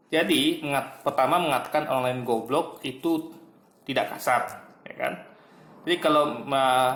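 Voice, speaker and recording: A man's voice: a little high, reverberant, a little hiss or hum. A man giving a casual commentary monologue, arguing and mocking as he addresses his viewers. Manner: argumentative, mocking, repeats "guys" and "gitu kan". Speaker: online commentator.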